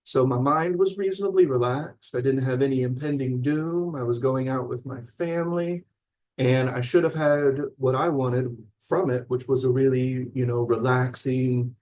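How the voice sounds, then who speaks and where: A man's voice: mid-range voice, fairly even intonation, normal speed, a little mellow. A man in his forties from Illinois, teaching mindfulness in a rambling, conversational live talk that often checks in with listeners. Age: 40s. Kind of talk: live-streamed talk reading viewer comments.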